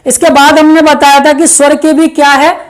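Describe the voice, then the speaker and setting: A woman's voice: high voice, flat delivery, normal speed. A woman teaching a grammar lesson for exam preparation, explaining step by step with many repeated fillers and calling her viewers friends.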